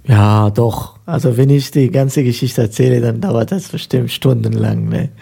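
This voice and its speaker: A man's voice: medium pitch, fairly even intonation, moderate pace, vocal fry, mellow, husky. A man in his thirties from Afghanistan, a guest on a local radio show, telling his story in a hesitant way with many fillers. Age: 30s. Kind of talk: casual interview talk.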